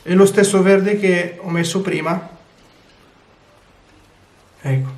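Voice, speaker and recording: A man's voice: high-pitched, takes it slowly, roomy sound. A man giving casual, hands-on commentary as host of a craft tutorial.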